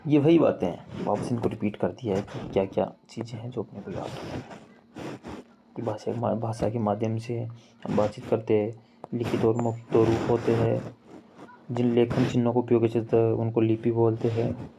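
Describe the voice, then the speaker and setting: A man teaching Hindi grammar in a casual online lesson, explaining slowly and repeating examples as he addresses viewers as friends. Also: mid-range voice, little pitch movement, creaky, background noise. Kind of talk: casual screen-share lesson.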